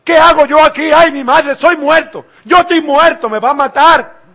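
A man's voice: extremely high pitch, fairly even intonation, moderate pace, a bit bright, husky, voice pushed up, full character voice. A man preaching voices a terrified sinful prophet crying out in panicked wails. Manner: panicked wailing cries.

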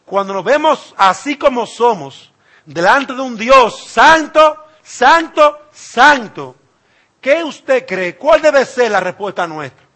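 Male preacher, high-pitched, emphatic sermon delivery, shifts from loud to hushed. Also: sing-song, takes it slowly. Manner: emphatic, swinging between loud cries and hushed asides.

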